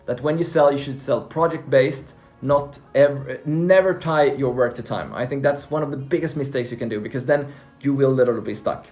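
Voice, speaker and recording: With a medium-pitched, darkish voice, this Finnish man, whose native tongue is Swedish, talks fairly quickly and rarely pauses during his casual freelancing Q&A stream. He answers viewers warmly and upbeat, repeating words and restarting as he reads their comments. The highs are cut off, and faint music plays underneath.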